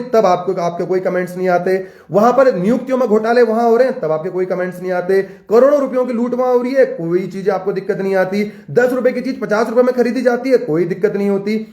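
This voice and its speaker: Fiery young man with a high voice. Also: darkish tone, roomy sound. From Uttarakhand, India. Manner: fiery, repetitive rallying rhetoric. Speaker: student leader. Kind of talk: impassioned political address to camera.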